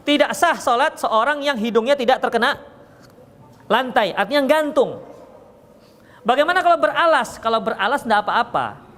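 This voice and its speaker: A man's voice: very high-pitched, animated, normal speed, pauses often, pushed and bright. A man giving a religious study lecture, explaining with a joking, teasing manner and answering questions from the audience. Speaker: religious teacher. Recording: echoey hall, faint background noise.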